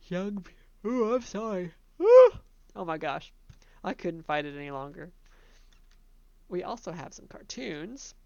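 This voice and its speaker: A woman casually narrating a tour of her own theme park, chatty and relaxed, laughing between remarks. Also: on the low side, creaky, no room sound, lo-fi sound.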